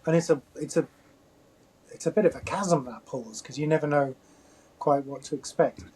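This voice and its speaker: Hesitant, slightly higher-voiced man host. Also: normal speed, darkish tone, slightly rough, rough recording. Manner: hesitant, thoughtful, many fillers. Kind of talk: casual conversation.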